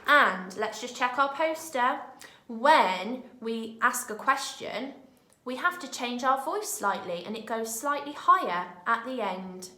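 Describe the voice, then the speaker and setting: Slow, expressive British woman teacher. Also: fairly high pitch, reverberant. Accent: British English. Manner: slow, clear and expressive, speaking to small children. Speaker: primary school teacher. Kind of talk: recorded remote lesson for young children.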